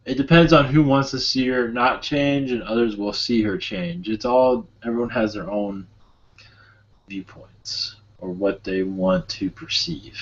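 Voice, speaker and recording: A man channeling a benevolent otherworldly Sirian being, speaking in a solemn, halting, prophetic trance-like manner. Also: mid-range voice, lightly acted. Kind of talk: channeling session, answering questions. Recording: dull lo-fi audio.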